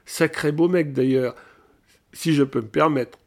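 Casting: a man voicing a gushing, insistent pregnant woman friend in an audiobook, pitched up. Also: measured pace, a little mellow. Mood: eager. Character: pushy, chatty pregnant woman, old college friend.

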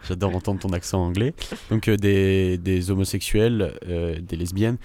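Un jeune homme, co-animateur d'une émission de radio, qui présente un sujet avec de nombreuses hésitations. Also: male voice, low voice, fairly even intonation, moderate pace, mellow, slight background noise. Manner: hesitant, many fillers. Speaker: co-host. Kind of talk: radio show presentation.

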